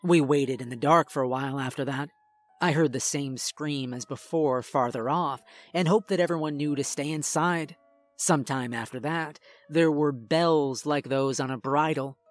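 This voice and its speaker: A man's voice: fairly high pitch, no room sound. Tense man narrating a horror story. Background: faint music.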